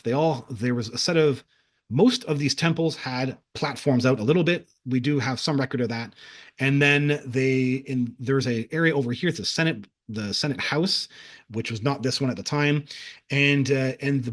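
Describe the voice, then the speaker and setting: A man casually recounting a vision in a rambling monologue, full of restarts and fillers, sometimes acting out crowd voices. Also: mid-range voice. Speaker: speaker recounting a past-life vision.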